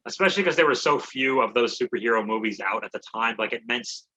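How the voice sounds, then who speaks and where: A man's voice: medium pitch, fast, pushed and bright, husky. A man co-hosting a comedy podcast, rambling and laughing through a profane story. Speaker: podcast co-host. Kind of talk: casual comedy chat.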